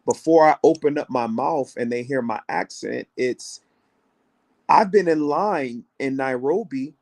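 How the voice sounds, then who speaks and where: This American travel show co-host has a mid-range, gravelly voice with a slightly mellow quality and a somewhat slow delivery. On a casual call-in show, he builds his argument through repeated rhetorical questions and acts out other people's voices.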